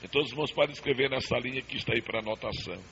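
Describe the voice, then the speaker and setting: A man's voice: mid-range voice, very fast, sharp tone. A Brazilian man, a pastor teaching a Bible seminar to a congregation in an emphatic, repetitive sermon style, asking them to repeat and respond. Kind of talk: Pentecostal Bible-study sermon. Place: speaking to a church congregation. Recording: dull hissy old cassette tape.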